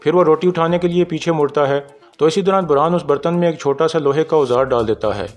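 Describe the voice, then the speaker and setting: A man with a Pakistani Urdu accent retells a drama episode in steady scripted narration. His voice sits a little high for a man, and soft music plays faintly behind him. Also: fast talker. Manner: steady storytelling, reads out characters' lines in his own voice. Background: faint background music.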